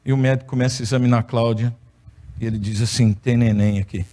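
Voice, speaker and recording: A man's voice: medium pitch, steady tone, fast, mellow. A middle-aged Brazilian man preaching in a church, telling a personal story with playful humor. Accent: Brazilian Portuguese. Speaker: pastor. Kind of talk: sermon testimony. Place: church hall.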